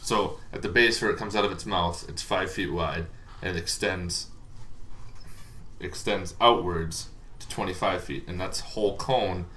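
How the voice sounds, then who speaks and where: A dungeon master explains tabletop monster lore in a casual, unscripted way, loose, rambling and hesitant. His voice is low-pitched, unhurried, pushed and bright, with faint background noise in the recording.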